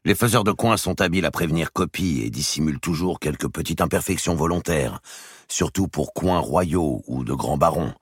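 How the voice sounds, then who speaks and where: A man's voice: a bass voice, expressive, normal speed, slightly rough, no room sound, studio quality, pitched above the performer's own voice, full character voice. A man voicing a medieval king in a storybook reading, urgent and commanding. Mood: pondering. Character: medieval male king, bewildered then commanding.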